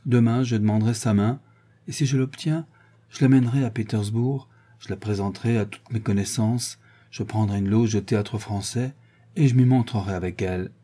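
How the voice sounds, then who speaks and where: A man's voice: fairly low pitch, fairly even intonation, moderate pace, dark tone, lightly acted. A man voicing an earnest, impulsive young noble officer in a read-aloud novel. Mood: resolute.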